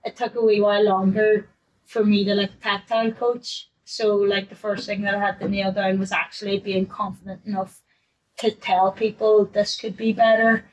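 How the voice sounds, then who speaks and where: A woman's voice: mid-range voice, flat delivery, normal speed, highs cut off. A young adult woman, a newly qualified fitness coach, chatting casually on a podcast, laughing often and acting out her past self.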